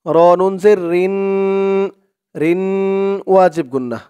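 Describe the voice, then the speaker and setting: A man teaching Quran reading, spelling out Arabic words letter by letter and chanting them slowly for viewers to repeat. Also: sits high, dark tone, smooth. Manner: slow, patient drilling with drawn-out chanted recitation; addresses viewers directly as "dorshok".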